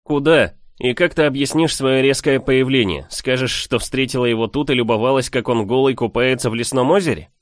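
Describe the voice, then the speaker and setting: A male narrator voicing a lively, teasing young man in an audiobook, talking in a raised, animated voice. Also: mid-range voice, a little fast, few pauses, dry recording, voice pushed up, lightly acted. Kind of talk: audiobook character voice.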